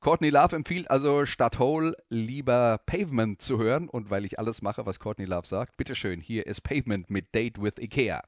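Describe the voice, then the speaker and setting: A man hosting a radio music show, telling a music story between songs in calm, scripted narration. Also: medium pitch, moderate pace, hardly any pauses, no room sound, clean studio sound.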